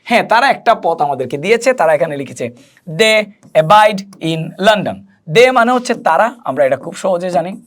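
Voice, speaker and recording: A man's voice: high voice, very animated. Man teaching English, asking and answering himself. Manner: explains slowly, asks and answers own questions; stretches and spells out English words. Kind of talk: spoken English lesson.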